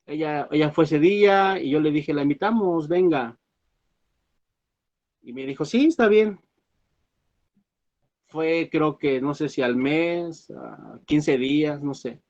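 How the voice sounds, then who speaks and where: A man, a pastor, telling a personal story, halting with fillers and restarts. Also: a little high, a little mellow, highs cut off. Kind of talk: sermon testimony.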